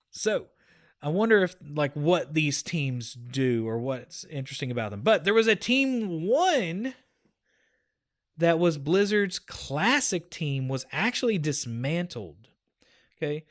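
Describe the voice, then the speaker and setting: A man hosting a gaming podcast, talking in a rambling, chatty way with frequent fillers. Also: on the high side. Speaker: podcast host. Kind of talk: casual chat.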